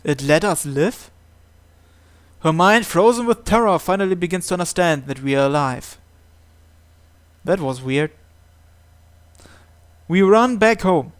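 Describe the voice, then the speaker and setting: Reading a visual novel in the first person, this man performs it dramatically, theatrical and deliberate, in short bursts of phrase. His high voice is animated yet smooth.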